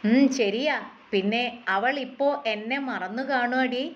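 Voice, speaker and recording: A woman's voice: on the high side, unhurried, muffled recording, a little hiss or hum, close to an everyday voice. A woman voicing a wistful young man who asks light, teasing questions in a story reading.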